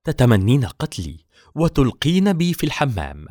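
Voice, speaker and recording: A man voicing an angry, scornful young wife in a storybook reading, sharp and commanding, on a dry recording. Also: medium pitch, very animated, normal speed, no room sound, pitched above the performer's own voice.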